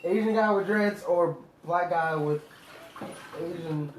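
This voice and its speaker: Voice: medium pitch, slow pace. A co-host of a casual basketball talk show, laid-back and teasing. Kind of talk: casual sports chat. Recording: echoey room.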